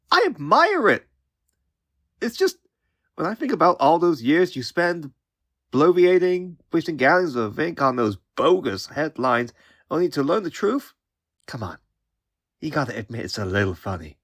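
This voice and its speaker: A man's voice: a little high, sing-song, measured pace, fairly bright tone, slightly rough, heavily acted. A man voicing a young wisecracking superhero in a comic book dub, earnest, sarcastic and easily riled. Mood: teasing. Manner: quippy, sarcastic, youthful.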